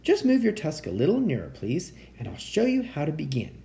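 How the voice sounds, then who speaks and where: A man playing a polite, earnest, quick-thinking young adventurer in a children's storybook. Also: a little high, huge pitch swings, gravelly, mellow, full character voice. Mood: helpful. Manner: earnest, pleading.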